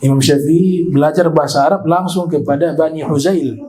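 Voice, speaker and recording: Man preaching, fairly high voice. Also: dark tone, low-quality recording. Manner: explanatory, quotes Arabic verses slowly. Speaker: Islamic preacher. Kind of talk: religious lecture.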